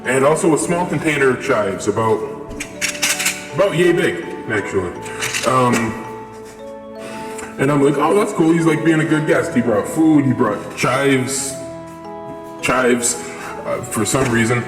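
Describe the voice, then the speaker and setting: Here a young man rambles through a laid-back story packed with fillers, sounding expressive and a little slow, with long pauses in his mid-range voice. A voice changer alters his sound, while music plays under an echoey, long-reverb recording.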